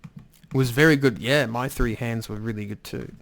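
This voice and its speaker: A man's voice: mid-range voice, normal speed, gravelly, a bit bright. A man hosting a live stream, rambling casually and swearing now and then as he answers his chat. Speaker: livestream host reading chat.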